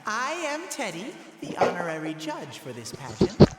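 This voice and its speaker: A man's voice: sits high, huge pitch swings, normal speed. A man voicing a cheeky, lecherous mascot creature in a video game, with a leering, self-important, showy manner. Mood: pompous, teasing. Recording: echoey hall with background noise.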